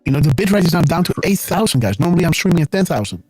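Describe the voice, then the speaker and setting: A man rattles on quickly in casual livestream chat, with a slightly high voice. His audio is garbled and crackling like a broken stream. The mic is dry and close, with faint music underneath. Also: big pitch swings, a little mellow, husky, no room sound. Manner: rapid, rambling, filler-heavy talk. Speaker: livestream host.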